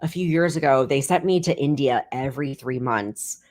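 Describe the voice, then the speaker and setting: A woman's voice: extremely low pitch, moderate pace, a little mellow. A woman in her thirties, a guest comedian, chatting casually and rambling with lots of "like.". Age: 30s. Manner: rambling, heavy filler "like". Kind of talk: casual chat.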